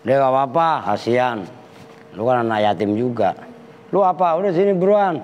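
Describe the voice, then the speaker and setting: A man's voice: mid-range voice, animated, moderate pace, highs cut off. A man with a Betawi Jakarta accent, a kyai teaching Arabic grammar to students in a casual, slangy, teasing way. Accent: Betawi Jakarta Malay. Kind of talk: casual classroom lesson with banter. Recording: reverberant hall with faint background noise.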